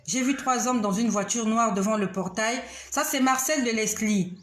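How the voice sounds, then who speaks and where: A woman's voice: a little high, normal speed, reverberant, slight background noise. A middle-aged woman giving a spoken religious testimony, impassioned and rising to emphatic commands.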